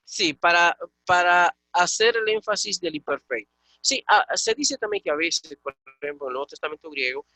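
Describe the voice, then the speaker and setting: Bright-voiced man teaching Greek grammar. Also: fairly high pitch, no echo. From Dominican Republic. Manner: explains patiently, checks with students. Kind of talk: online class lecture.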